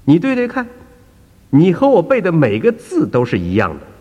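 A man voicing an elderly devout woman who insists and protests in a high voice. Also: huge pitch swings, normal speed, warm tone, husky, big-room sound, highs cut off, full character voice. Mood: indignant. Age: older.

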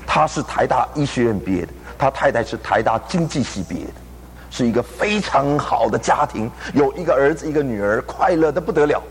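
A man's voice: mid-range voice, animated, brisk, a little hiss or hum. A man preaching a sermon, telling a story animatedly and acting out the people he quotes. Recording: long hall reverb.

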